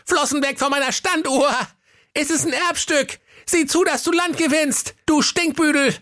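Man doing a shrill mother goat. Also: fairly even intonation, moderate pace, sharp tone. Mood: furious. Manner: shrill scolding, hurls insults. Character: furious scolding old mother goat.

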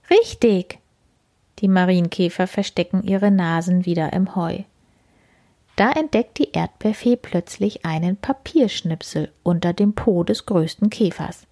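A woman reading a children's story aloud, gentle and hushed, often half-whispering. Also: medium pitch. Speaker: reader.

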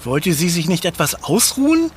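An excitable ghost-hunting youngster. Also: male voice, high-pitched, normal speed, a little hiss or hum. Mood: curious. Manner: eager and excitable. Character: curious, jumpy young guy who loves ghost stories. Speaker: Ben, lead in audio drama. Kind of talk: children's audio drama acting.

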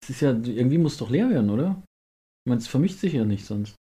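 Chatty middle-aged dad, hesitant. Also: male voice, medium pitch, expressive, quick pace, warm tone, slightly rough. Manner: hesitant, many fillers and restarts. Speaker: podcast host and father. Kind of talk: casual family chat. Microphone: podcast microphone.

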